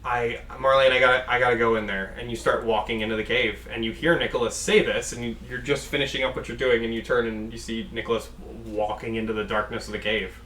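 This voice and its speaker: A man's voice: mid-range voice, level tone, fast talker, hardly any pauses, fairly bright tone. A man working as game master, narrating a tabletop game in a casual, conversational way. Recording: roomy, distant mic, faint noise.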